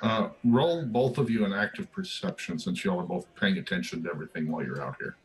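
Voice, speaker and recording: A man's voice: sits low, fast talker, slight background noise, rough recording. Man running a tabletop game. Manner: casual, hums little theme tunes, restarts phrases. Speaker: dungeon master.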